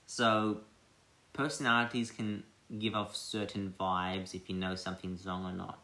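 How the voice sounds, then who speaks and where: A man's voice: low voice, little pitch movement, unhurried, pushed and bright. A young man hosting a casual chat podcast, rambling with many fillers and frequent laughs. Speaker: podcast host. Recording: echoey room.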